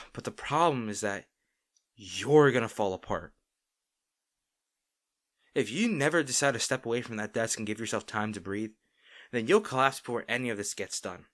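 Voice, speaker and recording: In an intimate audio roleplay, a man plays a worried, loving boyfriend earnestly pleading with his overworked partner. His medium-pitched, slightly bright voice rises and falls a lot and stays close to an everyday tone, with an emphatic, caring delivery.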